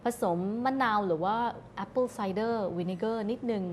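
A woman sits as a guest in a TV studio and patiently explains health advice, adding English terms as she goes. Her voice sits at an ordinary middle pitch and is courteous throughout. A faint hiss of background noise lies under it. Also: slow pace. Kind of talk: casual talk-show explanation.

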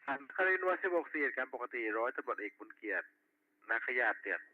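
Over a two-way radio, a male police dispatcher with a medium-pitched, very animated voice rattles off reports at a quick pace in a clipped roll-call format. The walkie-talkie audio is tinny and narrowband, with faint noise.

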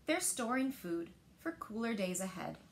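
In a living room, a woman in her thirties reads picture books to young children, her phrasing expressive and deliberate, much like a library story-time storyteller. Her voice sits on the high side, and there's a little hiss or hum in the recording.

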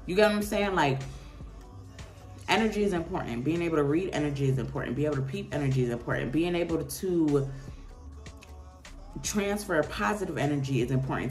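A young woman, giving an animated, preachy casual talk to the camera as a vlogger. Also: low-pitched.

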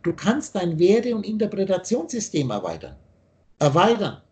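A man's voice: sits high, moderate pace, darkish tone. A man teaching on a video call, lecturing insistently and spelling out letters as he explains. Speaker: spiritual teacher.

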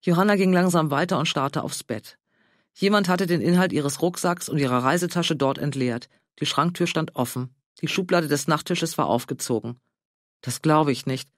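A man reading an audiobook in a measured, even narration. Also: on the high side, no room sound, clean studio sound. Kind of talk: scripted narration.

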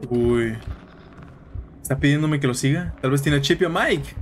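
A man giving jokey, slangy horror-game commentary and yelling when scared. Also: medium pitch, moderate pace, a little hiss or hum. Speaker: gaming YouTuber. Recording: game music behind voice.

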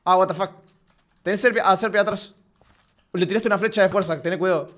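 A young man with an Argentine accent, streaming a game and calling the action in quick, excited casual chat. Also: high voice. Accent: Argentine Spanish.

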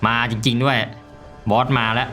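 A young man giving casual, excitable commentary while playing a mobile game, loud and swearing often. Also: medium pitch, moderate pace, soft background music.

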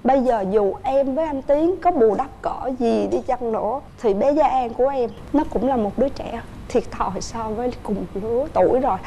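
Mellow-voiced Southern Vietnamese wife on a talk show. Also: female voice, on the high side, a little hiss or hum. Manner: earnest, talks at length about her husband. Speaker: guest wife. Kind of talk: personal story on a talk show.

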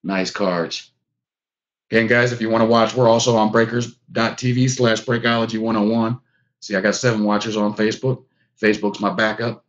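A man's voice: lowish voice, steady tone, moderate pace, lo-fi sound. Casual man hosting a live card break. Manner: chatty, talks to viewers by name.

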